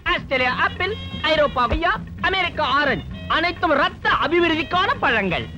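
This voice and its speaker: A hawking street fruit seller. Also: male voice, extremely high pitch, sing-song, a little fast. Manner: hawking in a chant, then muttering angrily. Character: sly, grumbling male street fruit vendor. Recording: muffled old film soundtrack with music.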